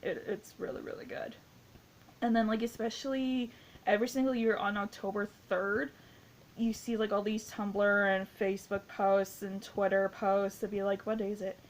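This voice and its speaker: A woman's voice: medium pitch, level tone, normal speed, slight background noise. Woman, 20s, casual film-review vlogger, rambling and enthusiastic, mid-range voice. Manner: rambling, gushing, heavy use of "like". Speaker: movie reviewer. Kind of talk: casual spoken movie review.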